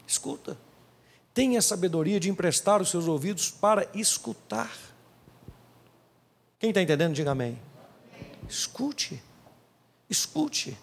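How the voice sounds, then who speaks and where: A man's voice: high-pitched, big-room sound. A male pastor preaching a sermon in church, emphatic and acting out quotes as he goes.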